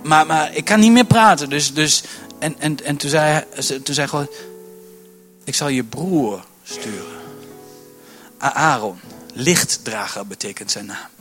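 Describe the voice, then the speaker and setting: A man preaching a sermon from a church stage, impassioned and building to near shouting, often repeating words as he starts a sentence. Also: a little high, normal speed, faint music behind. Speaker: pastor.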